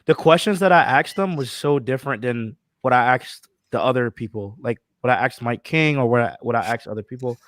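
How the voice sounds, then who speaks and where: A man's voice: mid-range voice, fairly quick, few pauses, fairly bright tone, no room sound. A man chatting casually on a livestream, laid-back and slangy. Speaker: guest course creator.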